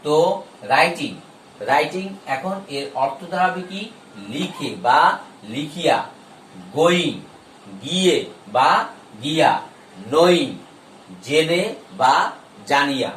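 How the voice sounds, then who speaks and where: Male grammar teacher, slightly high voice, emphatic and slow on examples; echoey room, set back from the mic. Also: a bit bright, far from the mic, slight background noise. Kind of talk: explaining a grammar lesson.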